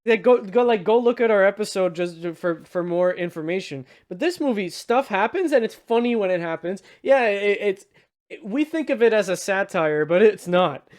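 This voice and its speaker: Casual movie-review banter comes from a man hosting a podcast while tipsy from on-air drinking, emphatic and sprinkled with swearing. His high voice is animated and darkish in tone, at a moderate pace.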